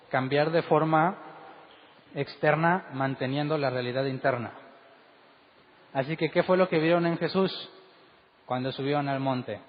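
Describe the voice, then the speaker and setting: A man preaching a sermon as pastor, asking the congregation one rhetorical question after another. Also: fairly high pitch. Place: church hall. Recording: dull recording with long hall reverb.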